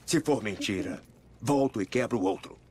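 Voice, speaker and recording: An actor playing a stern, commanding masked vigilante in a dubbed video game, terse and menacing. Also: male voice, on the low side, expressive, moderate pace, very noisy, close to an everyday voice.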